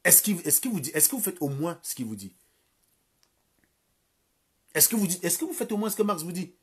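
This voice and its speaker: A man's voice: high voice, sing-song, fairly quick, husky. A man in his thirties ranting scornfully and crudely during a live stream from home. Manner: insulting, crude, scornful rant. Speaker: livestream commentator.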